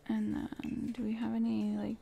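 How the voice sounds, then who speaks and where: A woman's voice: on the high side, completely flat delivery, moderate pace, vocal fry, dark tone, soft background music. A woman streaming a building game, muttering to herself in casual, frustrated commentary.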